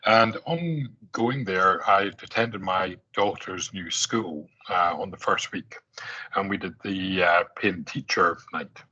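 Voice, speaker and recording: A middle-aged Scottish man with an Aberdeen accent gives a conference presentation in a conversational style, full of fillers and restarts. His low voice is slow, husky, and sharp in tone, and the recording sounds muffled.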